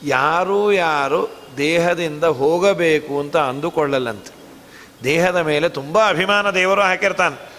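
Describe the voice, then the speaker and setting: Man, devotional discourse, rhetorical questions, bright sharp tone. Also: sits high. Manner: lively, rhetorical questions, chants verses slowly. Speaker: religious discourse speaker. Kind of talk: devotional discourse with chanted verses. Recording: hall reverb.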